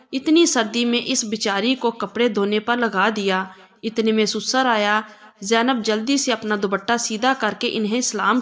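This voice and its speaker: A woman narrating a scripted romantic family story, in a calm, even storytelling manner. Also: a little high.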